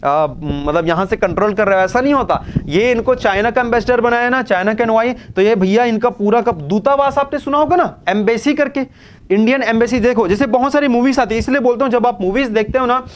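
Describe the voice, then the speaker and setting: Young man, high-ish voice, chatty exam-prep tutor who answers his own questions and mixes in English words; faint noise behind. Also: fairly quick. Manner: mixes English terms into Hindi. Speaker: teacher. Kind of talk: exam-prep current affairs lecture.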